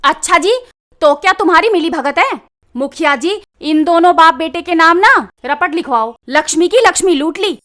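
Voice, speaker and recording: A shrill Haryanvi daughter-in-law. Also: female voice, animated, normal speed, fairly bright tone. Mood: scolding. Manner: shrill wailing and scolding. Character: loud, quarrelsome village daughter-in-law.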